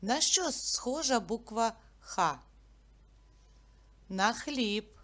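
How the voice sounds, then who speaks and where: A woman leads a reading lesson for small children. She speaks very slowly, stretching out each sound and syllable with careful enunciation. She keeps asking the children simple questions. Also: a little high, lively intonation, fairly bright tone. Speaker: teacher.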